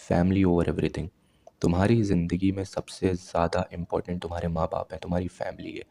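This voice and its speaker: A young man in his twenties speaks low and flat, his voice gravelly and dark. He lectures his viewers directly, handing out blunt self-improvement advice one point at a time. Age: 20s. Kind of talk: advice monologue to camera.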